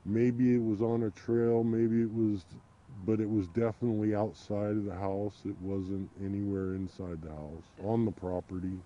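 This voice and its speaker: A man with an electronically disguised, lowered voice, giving halting interview answers as an anonymous witness. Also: flat delivery, warm tone, highs cut off. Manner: hesitant, halting with fillers. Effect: voice electronically disguised, lowered and darkened.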